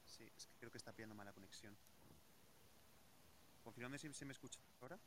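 A man's voice: medium pitch, quick pace, a bit bright. A man from on a remote esports panel, his voice faint and distant over a poor connection, talking hesitantly with many restarts. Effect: faint, distant voice over a weak online connection. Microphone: computer mic without headset.

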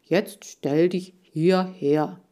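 A woman voicing a clever, calm male hamster who explains things in a measured, dry way. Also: on the low side. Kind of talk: audiobook character voice.

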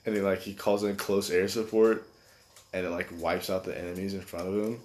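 A young man chatting casually with a friend, relaxed, slangy and swearing freely. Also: low voice, fairly quick. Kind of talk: casual chat. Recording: background noise.

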